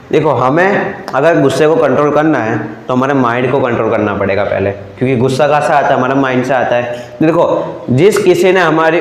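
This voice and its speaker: A young man with a Gujarati accent, teaching a class and often repeating himself with quick "क्या?" checks. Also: a little high, reverberant, rough recording. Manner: repetitive, keeps asking the class "क्या?" then repeats the answer. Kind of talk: classroom lecture explaining a chapter.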